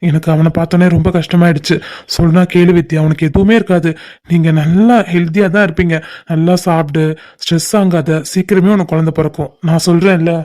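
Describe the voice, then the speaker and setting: A woman's voice: fairly low pitch, fairly even intonation, a little fast, warm tone, voice pushed down, lightly acted. A woman voicing a young brother-in-law who earnestly consoles his wife's sister. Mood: consoling. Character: younger sister's husband, young man, supportive.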